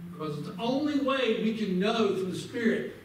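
Preaching a Bible lesson in a big church sanctuary, a Sunday school teacher speaks at normal speed with a high voice and lively intonation, quoting scripture fervently and urging his audience. The distant camera at the back of the pews records echoey audio with faint noise.

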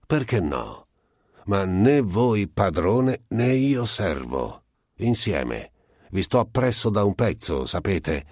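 A man voicing a pious wandering vagabond who speaks slowly and solemnly and sometimes erupts in fury, in a storybook reading. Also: lowish voice, sing-song, darkish tone, no room sound, studio quality, pitched above the performer's own voice, exaggerated voice. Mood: earnest calm. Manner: slow and solemn, bursting into fury.

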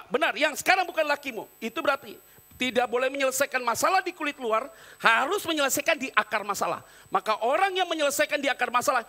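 A middle-aged man preaching a sermon in church, animated and quoting people in acted voices. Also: extremely high pitch. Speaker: pastor.

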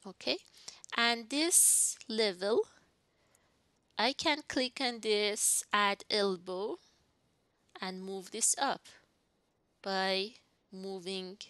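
A young woman walks through a software lesson at a deliberate, unhurried pace. Her voice is bright and a little sharp, recorded dry and close at her desk. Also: mid-range voice, no room sound. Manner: slow, step-by-step, talking through each click. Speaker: instructor. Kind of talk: software tutorial narration.

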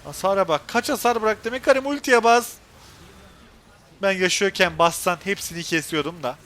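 This high-pitched young man, speaking with a Turkish accent, provides commentary on his own gameplay during a live stream. Easily worked up, he goes from muttering under his breath to frustrated outbursts in no time.

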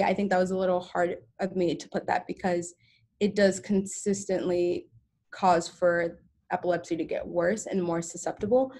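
Young woman, student presenter, video call, casual, hesitant fillers, mid pitch. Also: darkish tone. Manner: casual, self-correcting, many ums. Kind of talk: informal science presentation.

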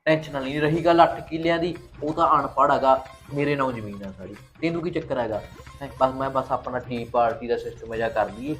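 A man's voice: medium pitch, quick pace, a bit bright, faint music behind, natural voice. A man playing a young village husband in a comedy film, coaxing his new wife.

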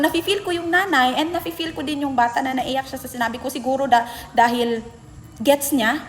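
A woman's voice: high voice, big-room sound. A young Filipina teacher in a chatty, emotional way telling a classroom story, switching between Tagalog and Bisaya. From Philippines. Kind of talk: casual storytelling vlog.

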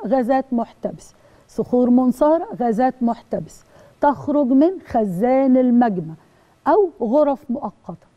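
A woman's voice: on the high side, highs cut off. A woman teacher with an Egyptian accent giving an exam review lesson, repeating definitions and asking and answering her own questions. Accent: Egyptian Arabic.

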